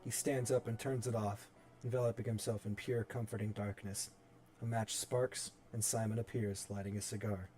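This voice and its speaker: A man narrates the stage directions of a horror script at a table-read. His voice is low and dark with a mellow tone. He reads in a measured, solemn way. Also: level tone, faint music behind. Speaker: writer and narrator.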